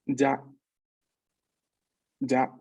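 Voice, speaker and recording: Speaking extremely slowly in a monotone, a man with a medium-pitched, slightly rough and a little mellow voice with vocal fry leads an online Italian class for Spanish speakers. He teaches from home by video call, patiently checking in and drilling students to repeat after him.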